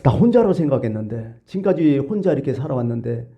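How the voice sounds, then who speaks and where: Gravelly, dark-voiced male pastor preaching. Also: medium pitch, big pitch swings, fast talker. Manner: storytelling with rhetorical questions. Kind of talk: sermon.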